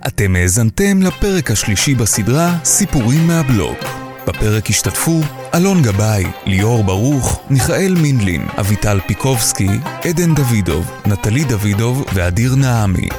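A man reading the closing credits of a radio series in an even announcing manner. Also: medium pitch. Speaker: narrator. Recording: clear music behind.

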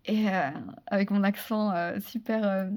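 A woman from France, a guest in a casual interview, telling a story in a lively, chatty way with many restarts and fillers. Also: medium pitch, unhurried. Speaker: interview guest, former beauty pageant contestant.

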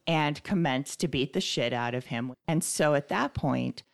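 A woman co-hosting a podcast, telling a family story in a wry, unhurried way. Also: low-pitched, gravelly. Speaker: podcast co-host. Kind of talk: casual storytelling chat.

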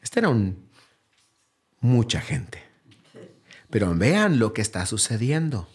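A man preaching a sermon as pastor. He drives his points home with repeated rhetorical questions, dropping low and quiet, then rising to a raised, urgent appeal. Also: big pitch swings, slow, breathy edge. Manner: swings between low, quiet phrases and raised, higher exhortation.

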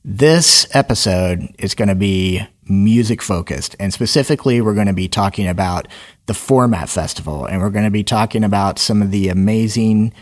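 Low-voiced man hosting a studio podcast. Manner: friendly, halting with many fillers and restarts. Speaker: podcast host. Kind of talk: casual interview.

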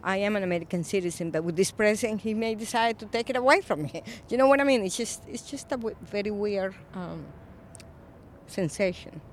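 A Colombian-born woman in her fifties, an Episcopal priest, speaking thoughtfully in a recorded interview, with frequent pauses and fillers. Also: medium pitch, slight background noise. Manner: reflective, soft-spoken with frequent pauses and fillers.

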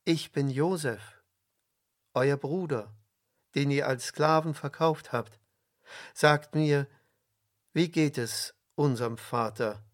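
A man reading a calm, measured ruler. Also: medium pitch, natural voice. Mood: moved. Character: powerful grown man, a governor hiding his identity.

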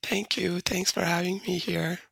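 Young woman, voice disguised deeper by a filter, gravelly and husky, bright edge, hesitant with fillers, dry close sound. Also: little pitch movement, normal speed, no room sound. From Nepal. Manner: hesitant, many fillers and restarts. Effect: voice disguise filter, pitched down to sound deeper. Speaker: podcast guest. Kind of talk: interview conversation.

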